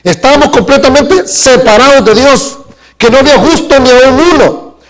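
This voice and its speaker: A man preaching a live sermon in a church. He speaks emphatically, slows down to stress key words, and calls questions out to the congregation. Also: extremely high pitch. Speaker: pastor. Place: church sanctuary.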